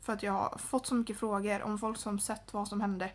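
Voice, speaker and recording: A woman's voice: mid-range voice, level tone. A young woman co-hosting a podcast, chatting casually in an upbeat, talkative way. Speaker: podcast co-host. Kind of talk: casual chat.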